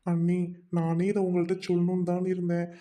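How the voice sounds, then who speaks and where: A woman's voice: fairly low pitch, completely flat delivery, brisk, dark tone, close to an everyday voice. A woman voicing an anxious, lovesick young college man who talks earnestly and worriedly in an amateur audio drama.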